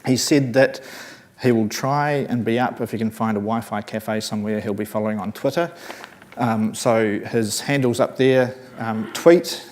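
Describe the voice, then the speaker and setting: A man with a broad Kiwi accent and a lowish, darkish voice presents a colleague's paper to an audience in a conference session room, at normal speed. Partly reading from notes, he comes across as slightly nervous, hesitant, and self-deprecating.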